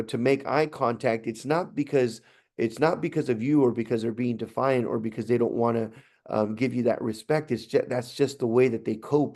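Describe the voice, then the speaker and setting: A man talks staff through a training session in a relaxed, conversational way. His voice sits at an ordinary middle pitch. He often pauses on fillers and starts his sentences over. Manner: conversational, with frequent fillers and restarts. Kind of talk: instructional talk to staff.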